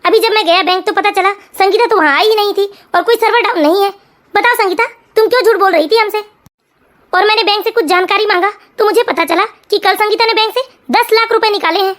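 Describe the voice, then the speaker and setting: A performer voicing a hot-headed young husband in a cartoon story, urgent and accusing, in a very high voice. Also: quick pace, fairly bright tone. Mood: angry. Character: stressed young husband, hothead.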